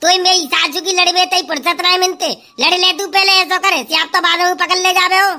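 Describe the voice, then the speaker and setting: A very high, bright woman's voice. She performs a village comedy sketch, loud, shrill and bantering. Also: fairly even intonation, a little fast.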